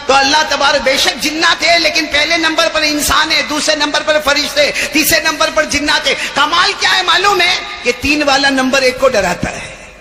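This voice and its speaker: A man preaching to a live gathering. He jokes, quizzes the crowd, and swings between soft asides and shouts. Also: extremely high pitch, steady tone, long reverb tail. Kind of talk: lively storytelling sermon. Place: live religious gathering with a stage.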